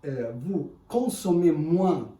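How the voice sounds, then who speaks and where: A man in gives an unscripted product demonstration in halting, self-correcting, speech. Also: on the high side, animated, mellow. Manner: halting non-native French with self-corrections. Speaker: ice cream machine presenter. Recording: echoey room, distant mic, faint noise.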